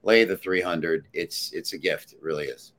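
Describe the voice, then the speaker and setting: A man working as a sports handicapper, with a very deep, low voice. He gives his betting picks with confident, emphatic calls. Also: normal speed, a bit bright.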